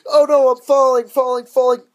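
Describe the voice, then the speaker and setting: A man's voice: a little high, lively intonation, a little fast, darkish tone, breathy edge. A man voicing a panicky young male movie hero, squealing melodramatically. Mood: panicked.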